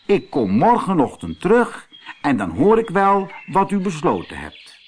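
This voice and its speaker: A man's voice: a little high, wildly swooping pitch, measured pace, a little hiss or hum, pitched above the performer's own voice. Man speelt Antonio, een simpele jongen. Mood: earnest. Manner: loud, eager calling. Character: simple, blunt boy Antonio.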